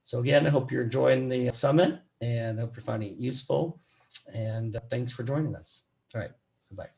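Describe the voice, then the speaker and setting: A raspy, gravelly-voiced man lectures as a physician in an easygoing medical talk. He rambles a little, stacks fillers between points and circles back on his ideas, and his pitch sits in the middle range. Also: brisk, darkish tone. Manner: loose, rambling explanations with many fillers. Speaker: physician presenter.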